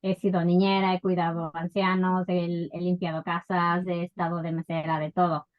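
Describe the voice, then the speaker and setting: A woman from Ecuador telling her life story as an interview guest, unhurried and full of fillers. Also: fairly low pitch, level tone, lo-fi sound. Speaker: guest entrepreneur. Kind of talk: casual interview.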